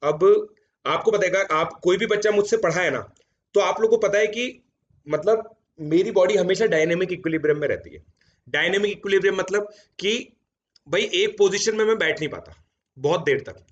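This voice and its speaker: Chatty teacher, slightly high voice. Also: male voice, fairly quick. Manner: chatty Hindi-English mix, frequent "theek hai" fillers. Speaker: JEE coaching educator. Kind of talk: casual storytelling to students. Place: home studio. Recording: dull lo-fi sound.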